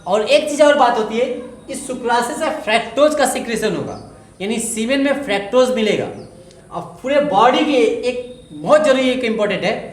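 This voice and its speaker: A woman's voice: a little high, expressive, normal speed. Woman teacher repeating questions, echoey room. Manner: asks and answers her own questions, repeats key terms. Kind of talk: classroom lecture.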